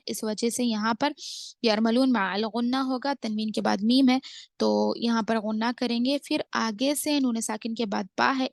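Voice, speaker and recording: A woman with an Indian Urdu accent teaching tajweed, explaining the rules step by step and reciting verses in slow, drawn-out phrases. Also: on the high side, gravelly, dry recording. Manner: methodical, drawn-out recitation between brisk explanations. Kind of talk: tajweed lesson, explaining then reciting slowly.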